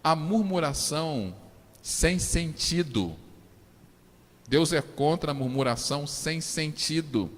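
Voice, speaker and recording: High-voiced Brazilian pastor preaching. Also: male voice, animated, takes it slowly, long reverb tail. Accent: Brazilian Portuguese. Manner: swings from quiet low asides to loud high outbursts; acts out quoted voices of suffering people. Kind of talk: sermon. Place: church.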